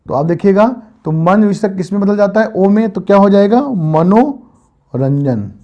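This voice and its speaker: A man's voice: high voice, fairly quick, highs cut off. A man teaching an online grammar lesson, patiently asking and answering questions for his students over and over. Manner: patient, repetitive quizzing of students.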